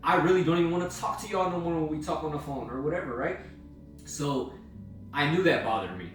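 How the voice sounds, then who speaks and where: A man's voice: fairly high pitch, brisk. Blunt young man in an echoey room. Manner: blunt, slangy, swears freely. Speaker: self-help vlogger. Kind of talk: casual motivational monologue. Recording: very echoey room, mic at a distance, music behind.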